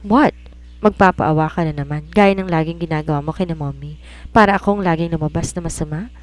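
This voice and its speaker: A woman's voice: deep voice, a little fast, natural voice. A woman voicing an angry drunk young man. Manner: cold, cutting, shouting.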